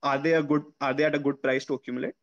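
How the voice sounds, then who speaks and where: A mid-pitched Indian-accented man hosting a podcast chat. He poses long, measured questions full of fillers, and his audio sounds dull and lo-fi. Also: level tone. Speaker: podcast interviewer. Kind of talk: casual interview questions.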